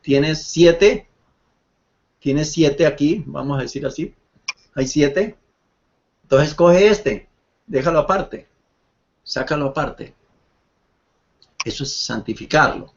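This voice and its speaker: Slow, patient Torah teacher, man. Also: a little high, highs cut off, slight background noise. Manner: explains slowly, reads Hebrew verses then translates, repeats words. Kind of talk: online Torah class.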